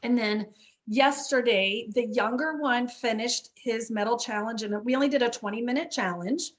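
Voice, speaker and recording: A woman's voice: on the high side, normal speed. A woman run club coach telling a story in a casual interview, chatty, full of fillers and "you know what I mean".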